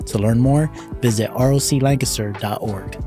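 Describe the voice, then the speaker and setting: A man's voice: medium pitch, moderate pace, over music. A man hosting a podcast, easygoing and affirming, asking questions and reading a sponsor message. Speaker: podcast host. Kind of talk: casual interview chat and sponsor read.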